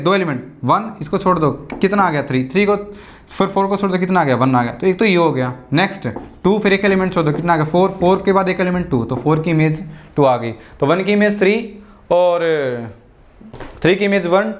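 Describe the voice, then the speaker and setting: A man's voice: high-pitched, highs cut off. A man giving a math lecture in Hindi mixed with English, walking through examples step by step and checking in with "theek hai" and "okay". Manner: steps through examples, repeats "ठीक है" and "okay".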